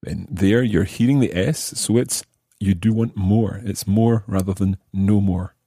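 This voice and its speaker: Husky-voiced man teaching grammar. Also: lowish voice, measured pace, mellow, no room sound, studio quality. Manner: patient, explaining step by step. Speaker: language teacher. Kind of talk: podcast grammar lesson.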